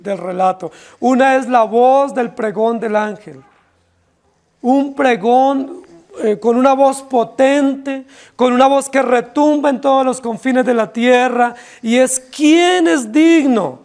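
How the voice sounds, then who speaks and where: A pastor from Colombia preaching an impassioned, pleading expository sermon to his congregation, often dropping his voice low on key words. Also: a little mellow. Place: church congregation.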